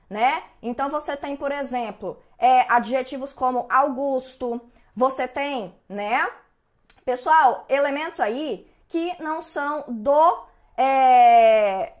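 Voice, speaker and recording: A woman with a Brazilian Portuguese accent, teaching an online exam-prep lesson in a chatty way and checking in often with her students. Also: high-pitched. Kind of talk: online lesson, going over exam answers.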